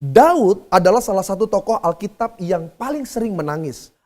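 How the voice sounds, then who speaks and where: A woman's voice: medium pitch, big pitch swings, normal speed, a little mellow. A woman pastor preaching a sermon. She moves between reading scripture and casual, humorous asides, and laughs along with her own everyday examples.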